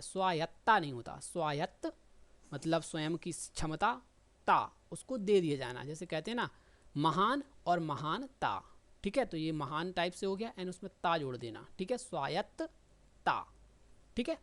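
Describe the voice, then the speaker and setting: A man's voice: a little high, expressive, normal speed, fairly bright tone. A man, going through students' stenography test results and correcting their mistakes one by one. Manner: explanatory, corrective, addresses students by name. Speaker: stenography teacher. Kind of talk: result analysis lesson.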